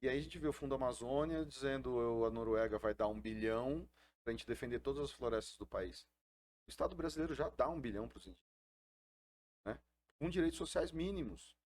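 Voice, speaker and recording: A man's voice: mid-range voice, brisk, darkish tone, a little hiss or hum. A man speaking as a guest on a podcast, earnest and impassioned, often ending sentences with a questioning tag. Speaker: guest, FUNAI indigenist. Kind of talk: casual podcast interview.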